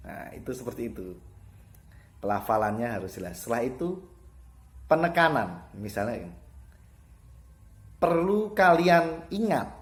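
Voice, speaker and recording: A man with a fairly low voice gives an online lesson to students. He explains step by step, repeats the key terms and shifts his tone to demonstrate a point. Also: expressive, moderate pace, pauses often.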